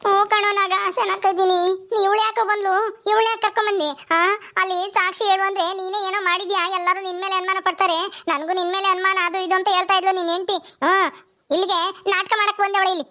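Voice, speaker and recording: A woman's voice: extremely high pitch, little pitch movement, fast, sharp tone. A woman voicing a stubborn, quarrelsome old grandmother in a cartoon comedy, scolding and defiant. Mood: bitter. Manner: scolding, defiant, ends lines with "haa?". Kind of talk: village cartoon comedy voice acting.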